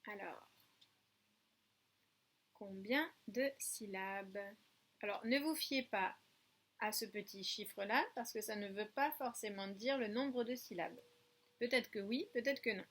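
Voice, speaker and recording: A woman with a French accent, teaching young children at home by video, speaking slowly and clearly and drawing out numbers and syllables. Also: medium pitch. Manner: slow, clear, drawn-out counting and syllable spelling. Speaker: preschool teacher.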